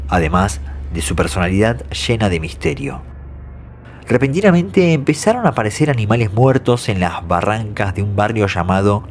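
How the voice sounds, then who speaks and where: A man narrates scripted horror legends in a measured storytelling way. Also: lowish voice, a little hiss or hum. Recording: faint music behind the voice. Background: soft background music.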